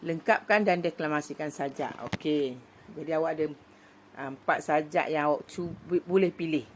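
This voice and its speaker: A middle-aged woman with a Malaysian Malay accent, a primary school teacher patiently explaining an online lesson step by step, reciting poems slowly and loudly. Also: low-pitched, a little hiss or hum. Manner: patient, explaining step by step with many "okey" fillers; slow, loud, emphatic when reciting poems. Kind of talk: online lesson for young pupils.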